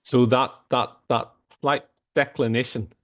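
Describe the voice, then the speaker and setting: A man presenting a screen-share tutorial, explaining things in a halting way with frequent restarts. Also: medium pitch, steady tone. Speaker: software demo presenter.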